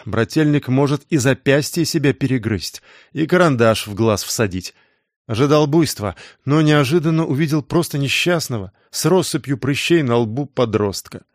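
A male audiobook narrator with a middling pitch, reading in a brisk and wry way. The recording is close and dry, with no room sound at all. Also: dry recording. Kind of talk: scripted narration.

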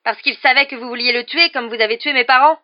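A woman voicing a hot-headed teenage boy wizard who shouts in outrage, in a dull, muffled audiobook recording. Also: high-pitched, fairly even intonation, fast talker, voice pushed up, natural voice. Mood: furious.

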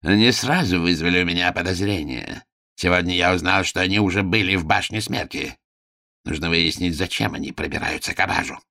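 A man's voice: fairly quick, bright, forceful tone, no echo, studio quality. A man voicing a cruel, scheming court minister who threatens and gives orders. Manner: menacing, squeaking when enraged.

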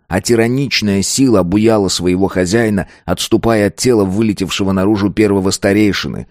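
A man narrating a fantasy story in a measured, steady reading voice. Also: lowish voice, dry recording, studio quality. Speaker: audiobook narrator. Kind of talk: scripted narration.

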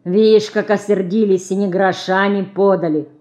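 A woman reader voicing a weary, poor old organ grinder who speaks slowly in a folksy, mildly complaining way. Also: medium pitch, fairly even intonation, dark tone, close to an everyday voice. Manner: slow, folksy, mild complaining.

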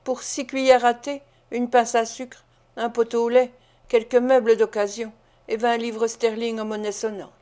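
A woman's voice: a little high, level tone, normal speed, dark tone, close to an everyday voice. A woman doing a blustering pompous beadle. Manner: blustering, lordly. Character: pompous self-important male parish beadle.

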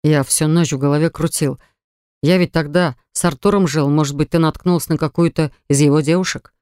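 A woman's voice: low voice, fairly even intonation, fairly quick, a little mellow, clean tone, no room sound, clean studio sound, close to an everyday voice. A woman voicing a stern, insistent young man who speaks curtly and makes demands in an audiobook. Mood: earnest. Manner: curt, demanding.

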